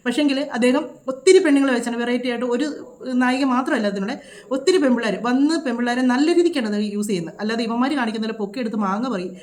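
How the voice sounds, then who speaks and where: Brief: woman vlogger, scolding reaction commentary, rapid-fire, pitched a bit high. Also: darkish tone. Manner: scolding, indignant, rapid rhetorical questions.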